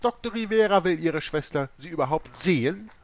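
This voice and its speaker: A man reading an audiobook, voicing a calm, matter-of-fact male police officer who asks brief, plain questions. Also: fairly high pitch, normal speed, pitched above the performer's own voice.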